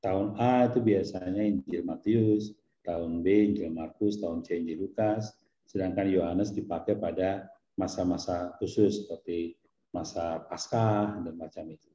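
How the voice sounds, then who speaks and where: A man, a priest, explaining things in an easygoing, teacherly way during a relaxed talk. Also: low voice, moderate pace, echoey room, highs cut off.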